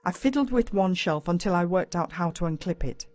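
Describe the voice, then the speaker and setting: In a dramatic, suspenseful first-person children's story, an Australian woman narrates like an audiobook reader from a script. Her voice sits fairly low and has a darkish tone. She speaks fairly quickly with lively intonation, and soft music plays in the background.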